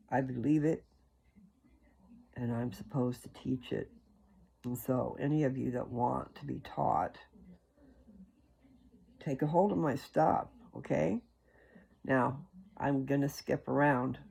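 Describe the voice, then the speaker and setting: The same host's husky, medium-pitched voice, full of gravelly creak and somewhat dark in tone, carries an informal religious talk that's earnest and homespun. He drifts into asides and finds his way back to the message, and the recording is rough.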